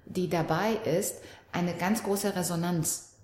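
A middle-aged woman talking calmly and reflectively as an interview guest about parenting and relationships. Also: fairly low pitch, slow pace. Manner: calm, reflective, animated when quoting her daughter. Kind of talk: conversational interview. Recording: roomy echo.

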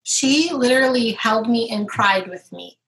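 A middle-aged woman with a higher voice speaks at a measured pace as a guest on an interview, opening up earnestly about her recovery. She replays scenes using lively quoted voices, and the recording is rough.

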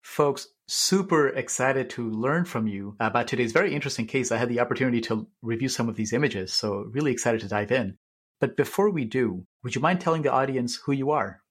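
A man's voice: medium pitch, fairly quick, breathy edge. A man hosting a medical podcast, upbeat and effusive as he welcomes guests. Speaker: podcast host.

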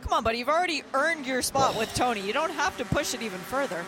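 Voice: sits high, expressive, fast, crowd noise. A motorsport co-commentator giving conversational race commentary with chatty, playful banter. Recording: trackside broadcast with loud engine noise. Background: racing cars and trackside ambience.

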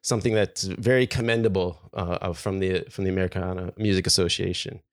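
A man's voice: sits low, fairly even intonation, quick pace, dry recording, studio quality. A man hosting a music podcast interview, asking questions hesitantly with many restarts. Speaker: podcast host.

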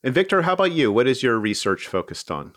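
Lively male interviewer. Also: medium pitch, quick pace. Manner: asks short, lively questions.

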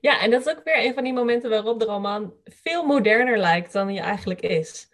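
A woman's voice: on the high side, animated, brisk. A woman hosting a book discussion, thoughtful and searching for words, who also reads excerpts aloud. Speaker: podcast host discussing a book.

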